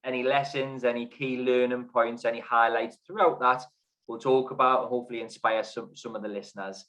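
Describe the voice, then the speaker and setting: A man's voice: mid-range voice, fairly even intonation, a little fast, fairly bright tone, poor audio. A man hosting a property podcast, chatting casually and laughing easily with his guest. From Newcastle area lived. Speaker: podcast host. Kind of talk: casual interview.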